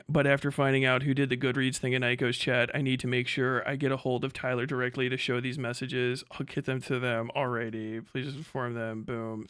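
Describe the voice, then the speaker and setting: An agitated livestream host rants vehemently and swears heavily while reading messages aloud and reacting to them. His voice is medium in pitch with a fairly bright tone. The studio-quality audio has no echo.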